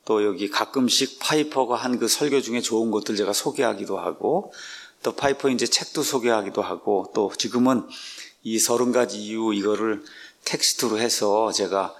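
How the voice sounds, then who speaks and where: A man, a pastor and Bible translator, teaching a book study series in an unhurried way with many drawn-out filler sounds. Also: on the low side, creaky.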